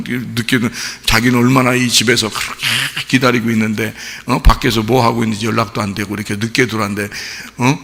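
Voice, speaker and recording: A man's voice: mid-range voice, gravelly, pushed and bright. A male pastor giving a conversational sermon in a church, full of rhetorical questions to the congregation. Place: church sanctuary. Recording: long reverb in a church hall.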